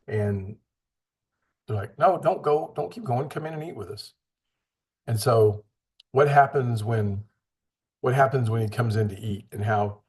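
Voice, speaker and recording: A man with a husky, slightly breathy voice leads a relaxed Bible study. He talks earnestly and conversationally, and he acts out the people he quotes. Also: medium pitch. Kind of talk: casual Bible study talk.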